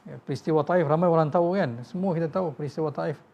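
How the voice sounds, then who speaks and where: A man with a Malaysian Malay accent preaches emotionally through stories, voicing quoted figures and calling his listeners tuan-tuan. His voice is fairly high, a little mellow, and fast, with vocal fry, and the recording is muffled.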